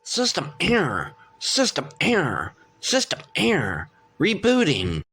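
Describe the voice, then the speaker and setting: A performer puts on a malfunctioning cartoon robot caught in an error loop. It speaks its announcements slowly, with a bright, sharp tone. The pitch swoops widely between the flat machine phrases. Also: husky, full character voice. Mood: glitching.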